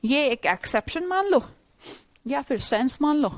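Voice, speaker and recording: Woman from India, grammar teacher, live class, lively and teasing, fairly high voice, dry close sound. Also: unhurried, dry recording. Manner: lively, teasing questions to students, repeats points. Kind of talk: live online class, explaining in Hindi.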